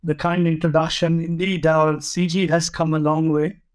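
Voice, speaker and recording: A man from Nepal, a podcast guest speaking politely and in a measured way. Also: a little high, level tone, smooth. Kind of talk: interview podcast.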